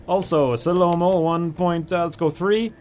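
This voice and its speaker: A man narrates his own gameplay in a relaxed, unscripted way, thinking aloud as he plays. His voice sits a little higher than most men's. A faint hum of background noise is present. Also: normal speed. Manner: casual, thinking aloud with frequent fillers. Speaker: let's play host. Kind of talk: gameplay commentary.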